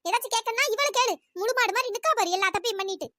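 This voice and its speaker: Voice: extremely high pitch, very fast, background noise. Someone voicing a nagging old cartoon aunt. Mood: scolding. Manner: nagging, accusing, shouting insults. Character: scolding older aunt, sharp-tongued mother-in-law. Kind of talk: cartoon story voice acting.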